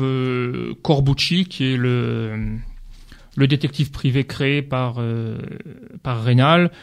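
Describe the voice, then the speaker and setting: A man's voice: mid-range voice, gravelly. A man reviewing crime novels on a radio book chat, hesitant and often searching for his words.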